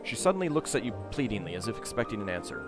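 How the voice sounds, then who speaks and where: Animated male let's play narrator. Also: fairly low pitch, very fast. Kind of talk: game narration, reading dialogue aloud with casual commentary. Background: game music.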